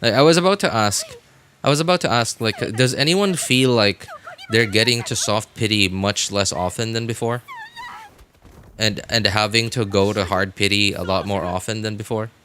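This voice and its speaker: A man with a lowish, slightly bright voice talks at a normal speed, and a little hiss or hum sits under the recording. He's casually chatting with viewers on a game livestream, reading and answering their comments hesitantly and often repeating himself. Background music plays.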